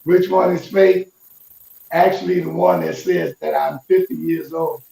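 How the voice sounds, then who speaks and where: Sixties man, high gravelly voice, playful preacher, heard from off-mic. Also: little pitch movement, measured pace, mellow. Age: 60s. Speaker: guest minister and musician. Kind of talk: casual interview chat. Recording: echoey, distant from mic.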